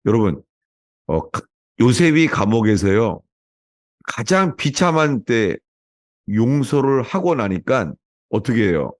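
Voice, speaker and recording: A man's voice: medium pitch, big pitch swings, slow pace, pauses often, no echo, studio quality. A man preaching a sermon as a pastor, often asking his congregation questions and acting out quoted voices. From South Korea. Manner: asks the congregation questions, acts out quoted lines.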